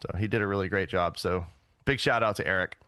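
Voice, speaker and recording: A man hosting a casual podcast, talking in a relaxed, rambling way full of fillers. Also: deep voice, quick pace, dry recording, studio quality. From United States. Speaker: podcast host.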